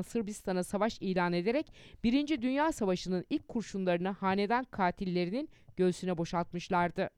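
Smooth-voiced woman narrating a history. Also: medium pitch, a little mellow, dry recording, studio quality. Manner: measured storytelling, quotes read with rising emphasis. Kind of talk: audiobook narration.

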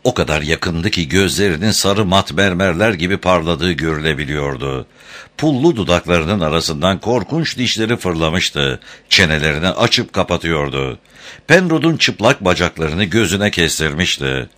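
A man narrating an audiobook chapter in an expressive, dramatic reading style. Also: sits low, normal speed. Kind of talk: scripted narration.

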